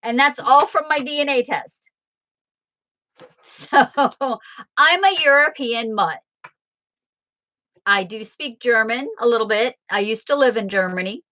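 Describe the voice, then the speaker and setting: Answering viewer comments aloud, this Southern Illinois woman chats casually while hosting her tarot livestream. Her fairly high voice is pushed and bright, at a measured pace with frequent pauses.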